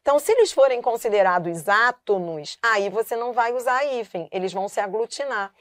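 A woman's voice: on the high side, lively intonation, brisk, fairly bright tone, no echo. A woman teaching a grammar lesson for exam preparation. She explains patiently, repeats points and stresses key syllables. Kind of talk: online exam-prep lesson.

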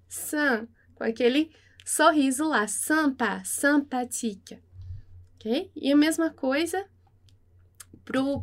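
A woman teaching French pronunciation in a lesson, repeating words slowly and carefully. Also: high voice. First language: Portuguese.

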